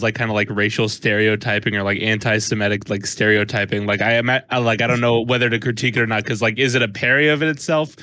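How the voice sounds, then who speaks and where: A man's voice: medium pitch, pushed and bright, dry recording. A young man co-hosting a casual movie podcast, hesitant, with many fillers. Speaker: podcast co-host.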